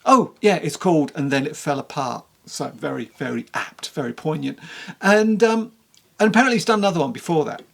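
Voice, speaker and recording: With lively intonation and a slightly fast pace, a person talks through a book review on camera. Their creaky, mid-range voice carries a candid, rambling, conversational style.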